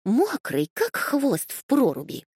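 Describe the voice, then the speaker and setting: A woman voicing a gentle, motherly female otter who frets easily. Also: sits high, wildly swooping pitch, slow, slightly rough, dry recording, clean studio sound, voice pushed up, full character voice. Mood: fretful.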